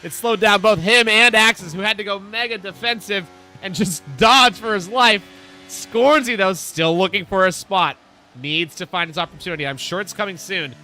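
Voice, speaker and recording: A man doing live play-by-play for an online racing league, shouting at close moves and straining his voice. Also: high voice, moderate pace. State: losing his voice. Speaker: sim racing league commentator. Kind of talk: excited live esports race commentary.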